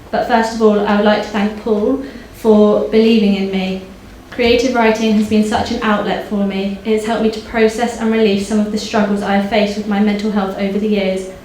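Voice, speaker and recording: At her own book launch, a young poet gives a prepared speech and recites poetry on stage in a hall. Her voice is medium-pitched and darkish, heard in an echoey space with faint background noise.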